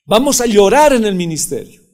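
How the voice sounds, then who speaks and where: A man with a high voice preaches a sermon to his congregation. He talks in a conversational way and often turns to his listeners with short rhetorical questions. His delivery sounds like a pastor teaching a Bible study. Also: sing-song, fairly quick, darkish tone.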